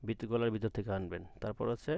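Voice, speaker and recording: A man's voice: lowish voice, steady tone, quick pace, vocal fry, dark tone, no room sound, highs cut off. A man teaching an online Quran class, patiently asking questions and drawing out letter sounds from the throat. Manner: patient, asks the class questions and answers them himself.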